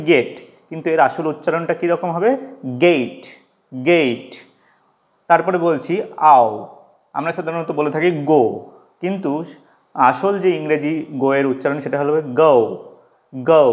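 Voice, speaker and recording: A man with a slightly high voice, teaching English vowel sounds. He asks questions and then answers them himself. He draws out the example words slowly and carefully. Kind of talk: explaining pronunciation.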